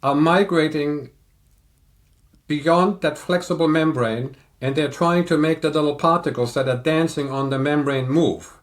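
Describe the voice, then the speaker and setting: An older man in a casual podcast chat, explaining audio equipment in a measured, technical way. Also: a little high. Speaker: audio reviewer guest.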